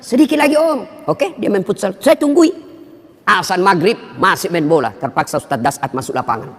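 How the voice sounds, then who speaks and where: A male preacher giving a sermon with animated storytelling, acting out the voices of the people in his stories. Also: high voice, brisk, long reverb tail.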